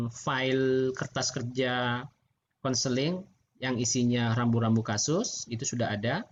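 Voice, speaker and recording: Middle-aged male lecturer, Indonesian accent, relaxed chatty feedback, muffled video-call sound. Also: mid-range voice. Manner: relaxed, chatty, laughs often. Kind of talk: online class feedback. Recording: muffled video-call audio with faint background noise.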